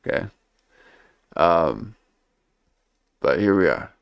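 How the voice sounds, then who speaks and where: A man's voice: sits low, animated, slow pace, vocal fry, no room sound. A man hosting a casual reaction livestream, rambling loosely and tagging nearly every phrase with "okay?".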